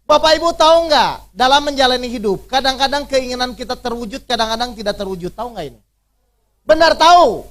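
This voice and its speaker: High-voiced man preaching to a crowd. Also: fairly bright tone. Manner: keeps quizzing the audience with rhetorical questions; repeats key phrases to drive points home. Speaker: Islamic preacher. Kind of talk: interactive religious workshop lecture.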